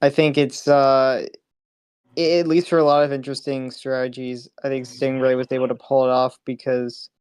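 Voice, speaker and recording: A man analyzing a card game match, hesitant, with many pauses and fillers. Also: medium pitch, level tone, darkish tone, smooth, dry recording.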